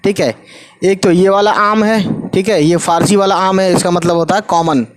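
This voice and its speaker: एक पुरुष उर्दू शिक्षक, आराम से समझाते हुए पाठ पढ़ाता है और बार-बार "ठीक है" कहता है, बीच-बीच में अंग्रेज़ी शब्द मिलाता है।. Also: male voice, sits high, fairly even intonation, normal speed. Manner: repeats "ठीक है" often, mixes English words. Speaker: Urdu teacher. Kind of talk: casual explanatory lesson.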